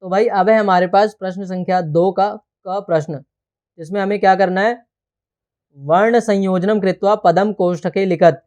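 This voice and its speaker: Clear-voiced male tutor. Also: high voice, steady tone, a little mellow. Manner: repeats "theek hai" to check understanding; explains terms slowly word by word. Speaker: teacher. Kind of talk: explaining a textbook lesson.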